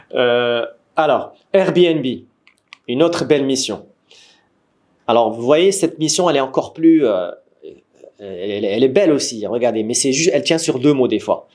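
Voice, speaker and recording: A man with a Moroccan French accent gives an online training to startup teams through his computer mic. His pitch sits in the middle, and he talks in a lively, questioning way, often asking if everyone agrees and restarting his sentences. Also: moderate pace. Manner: says he is a gamer. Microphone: computer mic on a video call.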